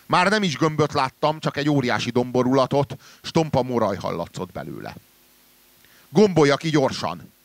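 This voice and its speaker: A man's voice: lively intonation, creaky, no echo. Man reading a story, dry sound. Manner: measured, dropping low and quiet at sentence ends. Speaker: reader. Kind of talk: literary reading aloud.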